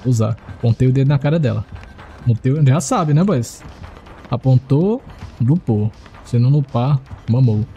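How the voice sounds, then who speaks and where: A man streams a horror game, talking to his viewers and breaking into high-pitched yelps when he panics. His voice is gravelly and dark in tone, with a faint music bed playing under it. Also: animated, a little slow. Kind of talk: live gameplay commentary.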